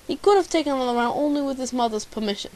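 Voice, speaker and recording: Here the same kind of amateur radio drama detective narration and dialogue comes in a high, fast, slightly dark voice with only light acting. A young-sounding performer plays a bumbling, pompous male private eye, theatrical and self-important, narrating with self-importance. The home recording is hissy and noisy.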